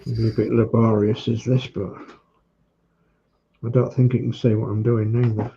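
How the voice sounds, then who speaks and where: A man's voice: fairly low pitch, flat delivery, normal speed, mellow. A man with a Hull accent giving casual hands-on workbench commentary, often muttering to himself as he works. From England, Hull. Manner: muttering to himself while working. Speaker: hobby model-making demonstrator. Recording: dull, noisy room recording.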